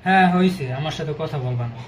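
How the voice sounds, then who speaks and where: Sulky clingy girl patient, guy doing her voice, fast and whiny, comedy skit. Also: fairly high pitch, slight background noise, lightly acted. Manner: whiny and pouting, taking offense at everything. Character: sulky, clingy young woman patient who picks fights. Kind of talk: comedy sketch acting.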